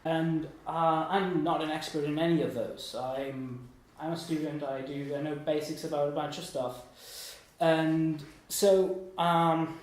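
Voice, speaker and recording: A slightly slow, slightly mellow man with a voice on the high side speaks with a flat delivery and few pauses. He's a student in his twenties from Germany and Italy giving an informal, hesitant, rambling, self-deprecating talk at a small indoor meetup. Captured by a distant room mic, the audio is echoey with background noise.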